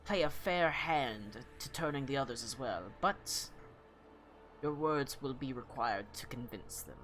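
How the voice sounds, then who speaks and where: A man voicing a grave, commanding older woman who leads a noble house, in a hushed and formal manner during a tabletop game. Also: mid-range voice, animated, measured pace, music in the background, natural voice. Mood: formal, gracious. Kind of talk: tabletop role-play voicing.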